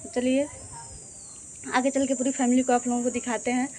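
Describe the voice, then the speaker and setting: Woman in her 30s, Bhojpuri-tinged Hindi, higher voice, flat delivery, phone-recorded outdoors with faint noise, chatty vlogger. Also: normal speed. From eastern Uttar Pradesh, India. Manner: chatty, repeats "what to say" often. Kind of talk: casual vlog chat. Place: outdoors at a village home.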